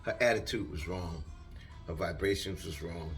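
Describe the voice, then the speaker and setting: A man's voice: low voice, moderate pace, faint music behind. An older retired man telling a long casual story in a rambling way, acting out what people said. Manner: rambling, animated, acts out quotes.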